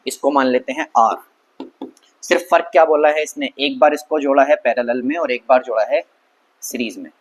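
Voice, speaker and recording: A man teaching a science lesson in a relaxed, chatty way, asking questions aloud and answering them himself, and reading English lines slowly. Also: medium pitch. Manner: conversational, asks and answers his own questions; mixes English terms and reads English text slowly. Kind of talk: casual Hindi science lesson.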